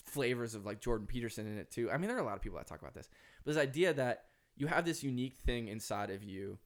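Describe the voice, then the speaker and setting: Earnest minnesota-accented guy talking philosophy on a podcast, emphatic, mid-pitched voice. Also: animated, fast talker. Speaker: author guest. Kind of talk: reflective podcast conversation.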